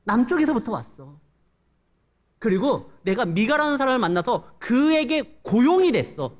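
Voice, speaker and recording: A man's voice: very high-pitched, very animated, moderate pace. A man playing a folksy, opportunistic male Levite priest who talks in broad Jeolla dialect. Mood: sly.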